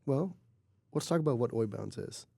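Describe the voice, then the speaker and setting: A man's voice: medium pitch, expressive, normal speed, vocal fry, warm tone, husky, dry recording. A young man from Kansas with a congested sick voice, telling jokey stories as a podcast host. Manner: wry, joking storyteller. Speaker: podcast host and zine editor. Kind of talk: casual chat.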